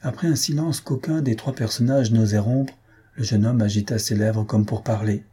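Husky man narrating a novel. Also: lowish voice, moderate pace, dark tone. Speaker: audiobook reader. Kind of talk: scripted narration.

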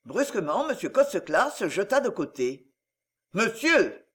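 A man narrating a classic novel as an audiobook, in an expressive storytelling manner. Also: high voice, normal speed, breathy edge.

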